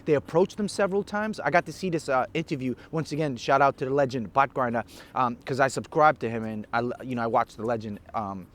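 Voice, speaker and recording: A man's voice: medium pitch, fast talker, hardly any pauses. A man co-hosting a casual chat, speaking in a laid-back, slangy, rambling way. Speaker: podcast co-host.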